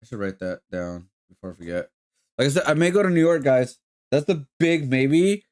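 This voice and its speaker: A man's voice: mid-range voice, lively intonation, moderate pace, a little mellow. A man live-streaming in casual chat, rambling with lots of fillers and talking to his viewers as guys. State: hiccups.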